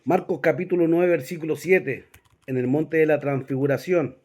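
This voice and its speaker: In a Bible class, a man reads verses aloud, directs his listeners to specific passages and checks in with them often. His voice is a little high and darkish, at a moderate pace.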